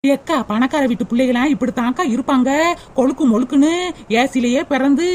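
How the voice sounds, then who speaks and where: A woman's voice: sits high, steady tone, a little fast, darkish tone, a little hiss or hum, lightly acted. A chatty, gossipy young woman from a cartoon short, voiced by a woman. She sounds like the sidekick who comments on everything.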